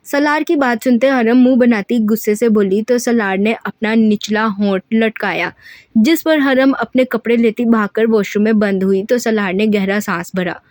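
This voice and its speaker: A woman narrating a romance novel with steady storytelling. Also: fairly high pitch, normal speed, no echo, studio quality. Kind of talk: novel reading.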